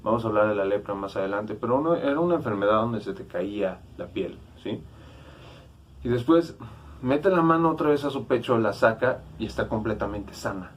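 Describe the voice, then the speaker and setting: A man's voice: on the low side, animated, fairly quick. A man with a Mexican accent preaching a casual youth sermon, conversational and slangy, often checking in with listeners. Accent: Mexican Spanish.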